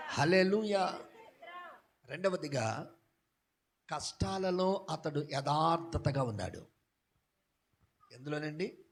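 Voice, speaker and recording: A male pastor preaching a sermon, asking the congregation questions and swinging from quiet talk to shouted passages. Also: a little high. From India.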